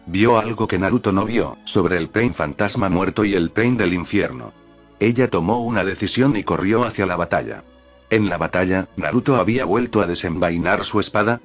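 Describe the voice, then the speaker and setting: Brief: a low-voiced male narrator reading fan fiction steadily over faint background music. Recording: dull lo-fi audio with faint music.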